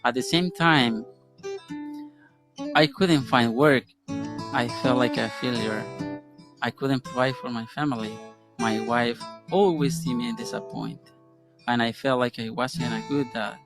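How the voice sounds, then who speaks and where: A man from El Salvador narrates his story as a father in an earnest, measured way. Clear plucked guitar plays behind his voice in this played-back video. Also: medium pitch, fairly even intonation. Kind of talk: scripted personal narration. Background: guitar music.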